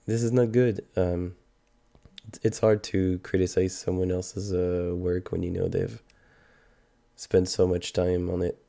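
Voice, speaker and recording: Sick with a sore throat and stuffed nose, this thirtysomething Canadian man streams music and rambles along in casual chat. The delivery is flat, low, unhurried and creaky with a dark tone, and he keeps hesitating with ums and restarts.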